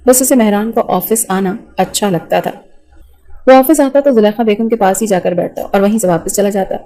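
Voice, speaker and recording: A woman narrating a romance novel with an even, storytelling delivery. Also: medium pitch, poor audio.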